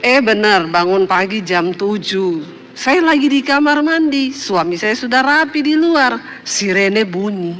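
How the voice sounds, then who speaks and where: A woman pastor preaching a sermon, telling a lively story and acting out the voices of the people in it. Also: mid-range voice, a little slow, a little hiss or hum. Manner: animated, acts out quoted voices.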